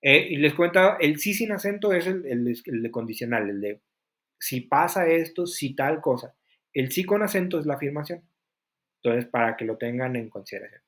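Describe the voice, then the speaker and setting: A man's voice: fairly high pitch, animated, moderate pace, a bit bright. A man teaching a class, explaining points step by step and asking students questions. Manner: explanatory, asks the class questions, frequent fillers. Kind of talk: classroom lesson.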